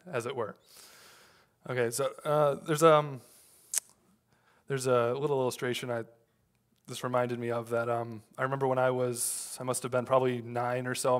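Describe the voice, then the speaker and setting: A man's voice: medium pitch, fairly bright tone. A man preaching a sermon in a loose, conversational way, with many fillers and restarts as he tells a personal story. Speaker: pastor.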